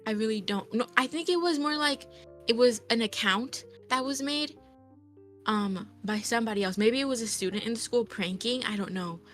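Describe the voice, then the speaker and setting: A woman's voice: a little high, normal speed, soft background music. A young adult woman chatting casually with friends, telling a story with many "like"s and "um"s. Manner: animated storytelling with many fillers. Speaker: guest. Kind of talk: casual group chat.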